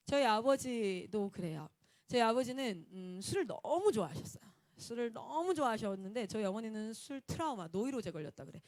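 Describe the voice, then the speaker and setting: A woman missionary, preaching a Sunday sermon and telling personal stories in a lively way. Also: fairly high pitch, no room sound, clean studio sound. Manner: animated, acts out quotes and laughs often.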